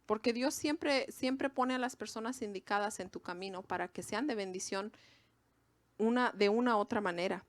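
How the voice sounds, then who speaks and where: At a women's gathering, a preacher from Mexico with a Mexican accent gives a conversational, informal sermon, often turning to her listeners with asides. She speaks at a medium pitch and normal speed, recorded dry.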